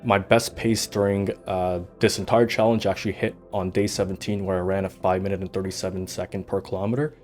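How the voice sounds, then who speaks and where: A man with a fairly low voice narrates a fitness vlog in a steady, matter-of-fact way, running through his numbers. Faint music plays under his voice-over. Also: fairly quick, hardly any pauses. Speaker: vlogger.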